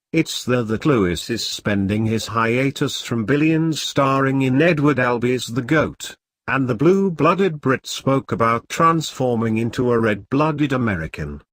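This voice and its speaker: A man reading a news article aloud as scripted narration, voicing the quotes in the same even narrating voice. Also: mid-range voice, dry recording. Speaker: news reader.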